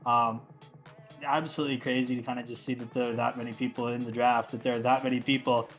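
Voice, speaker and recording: A man's voice: medium pitch, level tone, quick pace, soft background music. A man co-hosting an esports draft stream, talking casually and upbeat with lots of fillers. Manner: upbeat, rambling with many fillers. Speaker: draft co-host.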